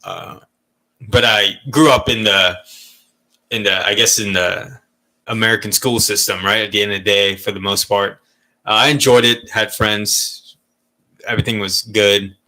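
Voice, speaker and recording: With a fairly low, steady, bright and forceful voice at a moderate pace, a Malaysian podcast co-host in his thirties spins rambling, candid stories. The chat is casual, punctuated by plenty of swearing and laughs.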